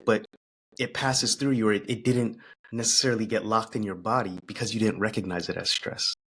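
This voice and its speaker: A man speaking as a podcast guest, reflective and thoughtful, pausing and restarting as he talks. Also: fairly low pitch, fairly even intonation, slightly rough. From United States. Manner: thoughtful, pauses and restarts, laughs softly.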